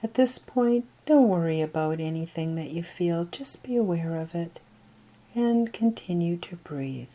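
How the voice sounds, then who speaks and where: A female meditation guide speaks in a lowish, relaxed, gentle and breathy voice. Her instruction is extremely unhurried, with slow counting and soft pauses.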